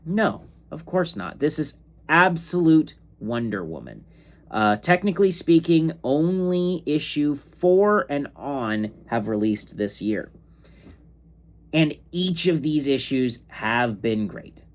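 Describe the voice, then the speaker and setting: A man's voice: a little high, big pitch swings. A sleepy young man reviewing comics in a casual, rambling way, with lots of fillers and restarts. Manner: slow, rambling, filler-heavy. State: sleepy, yawning. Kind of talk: casual ranking monologue.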